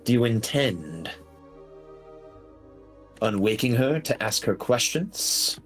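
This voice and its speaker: A man's voice: mid-range voice, sing-song, slow, soft background music. A man voicing an imperious female mummy companion in a tabletop game, speaking in a stiffly formal, grave manner.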